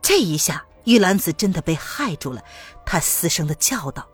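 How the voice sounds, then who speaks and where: A woman narrating a martial-arts novel aloud as an audiobook, with expressive storytelling. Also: on the low side, moderate pace, breathy edge, faint music behind.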